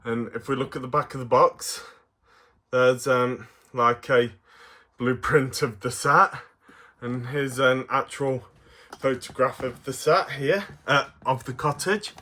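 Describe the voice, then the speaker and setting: Speaking in a mid-range voice, this man gives a laid-back toy review straight to camera. He sounds playful and excitable in a kids-show style, yet his speech is frequently hesitant and halting.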